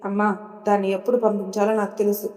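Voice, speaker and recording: A woman's voice: mid-range voice, little pitch movement, quick pace, darkish tone, natural voice. A woman voicing a bossy young husband who gives curt orders. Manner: curt, authoritative. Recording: reverberant room.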